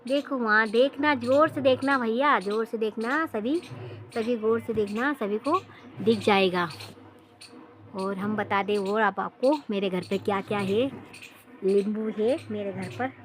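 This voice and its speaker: A woman's voice: on the high side, a little slow. A woman vlogging a casual tour of her home and garden, repeating herself and talking straight to viewers. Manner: chatty, repeats phrases, talks straight to viewers.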